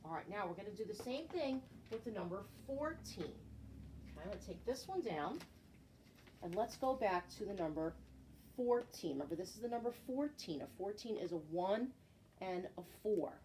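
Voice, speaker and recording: A woman's voice: medium pitch, animated, normal speed, warm tone, poor audio. A middle-aged woman leading a counting lesson for young children like a kids show host, with simple guiding questions and repeated key words, recorded at home. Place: living room at home. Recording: clear background room noise, home recording.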